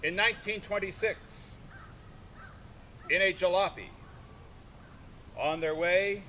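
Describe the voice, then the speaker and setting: Outdoors in a sculpture park, a male artist reads aloud live and takes questions, declaiming literature slowly in short, broken phrases with a pushed, bright voice. Vehicle rumble makes the outdoor recording noisy.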